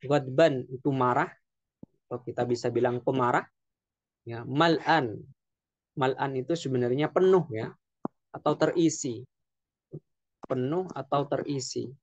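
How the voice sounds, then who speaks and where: Guy teaching arabic words, slow and repetitive, says ya a lot, dry kinda muffled audio. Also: medium pitch, dry recording. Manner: slow, repetitive explaining with frequent "ya". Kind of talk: classroom lesson.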